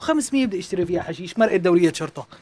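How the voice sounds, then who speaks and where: Man, very high voice, fast joke delivery. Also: slight background noise. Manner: animated storyteller acting out quotes. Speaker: passer-by telling jokes. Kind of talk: joke telling.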